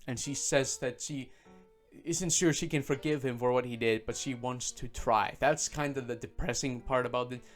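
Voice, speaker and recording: A man's voice: mid-range voice, steady tone, moderate pace, soft background music. A man giving a casual, sarcastic game review full of swearing and fillers. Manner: sarcastic, profane, many fillers.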